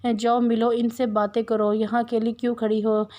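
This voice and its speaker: A woman's voice: on the high side, little pitch movement, normal speed, warm tone, natural voice. A woman reading a stern scolding mother.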